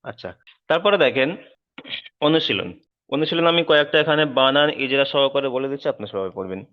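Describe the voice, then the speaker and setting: Male Quran teacher, smooth resonant voice, sing-song letter drills, slightly muffled recording. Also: medium pitch, animated. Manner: slow sing-song drilling of letter sounds, then quicker explanation. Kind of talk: recorded online lesson, spelling out Arabic letters.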